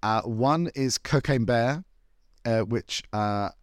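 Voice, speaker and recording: A man's voice: mid-range voice, slow, no room sound, clean studio sound. A British man hosting a show with the theatrical, flamboyant manner of a campy drag queen, chatting comedically. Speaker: podcast host, cult movie show. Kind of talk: casual comedic chat.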